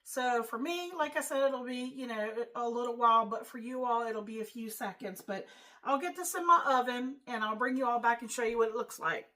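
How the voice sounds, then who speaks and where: A woman's voice: a little high, a little fast, sharp tone, rough recording. A middle-aged woman hosting a home cooking show, chatting homey and loose with lots of fillers as she walks through a recipe. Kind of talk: casual cooking demonstration.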